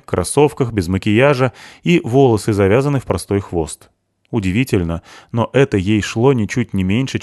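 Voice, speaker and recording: A man reading fiction aloud in steady, even audiobook narration. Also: on the low side, no echo, clean studio sound. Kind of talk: scripted narration.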